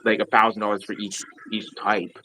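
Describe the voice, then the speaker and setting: Low-voiced guy rambling on his stream, swears a lot, says "and all that" constantly. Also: little pitch movement, moderate pace, pushed and bright, a little hiss or hum. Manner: rambling, profane, heavy filler phrases. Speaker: live streamer. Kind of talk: casual chat on a live stream.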